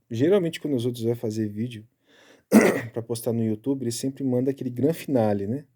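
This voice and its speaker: A man giving a casual Bible study, explaining step by step and tagging his sentences with quick checks to the listener. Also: mid-range voice, mellow, husky. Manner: chatty, keeps tagging lines with "né?"; explaining Hebrew letters and pronunciation step by step.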